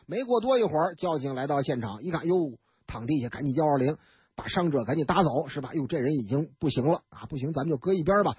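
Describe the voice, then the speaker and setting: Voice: medium pitch, animated, quick pace, slightly rough, no echo. A radio storyteller with a Beijing accent, telling a tale in chatty colloquial style with sound effects and asides. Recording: dull, dry radio studio recording.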